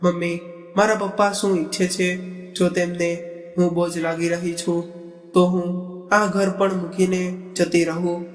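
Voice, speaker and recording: Guy reading a stubborn young wife, high flat voice, echoey w/ faint music. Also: measured pace. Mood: defiant. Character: headstrong young wife, angry and proud.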